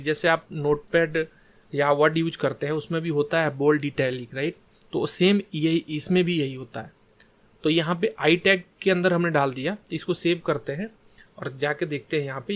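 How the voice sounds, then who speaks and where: A man teaching a screen-share coding lesson in Hindi mixed with English tech terms, often checking in with "ठीक है". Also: fairly high pitch. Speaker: coding tutor.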